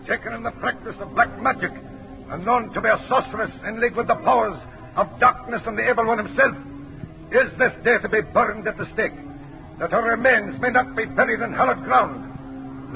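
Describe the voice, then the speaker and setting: An actor in 1940s radio drama playing a stern clan official who proclaims a sentence of burning. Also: male voice, high-pitched, normal speed, vocal fry, music in the background. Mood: proclaiming. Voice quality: commanding, declamatory. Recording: tinny noisy old radio broadcast.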